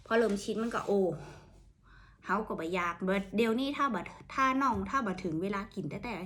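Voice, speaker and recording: A woman with a Northern Thai accent chatting casually to camera as a vlogger, repeating words and dropping soft "mm" fillers. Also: medium pitch. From Northern Thailand.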